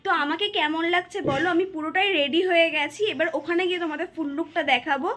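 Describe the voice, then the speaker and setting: A woman's voice: very high-pitched, fast, a bit bright. A young woman, chatting to viewers in a casual vlog while filming on her phone. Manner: chatty, addresses viewers directly. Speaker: vlogger. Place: outdoors and in a shopping mall.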